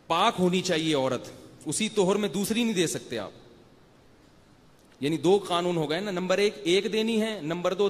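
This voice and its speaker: A man with a slightly high voice, recorded with a big-room sound, delivers a Ramadan night lecture as an Islamic scholar. He speaks conversationally to a live audience, posing rhetorical questions and sharing anecdotes.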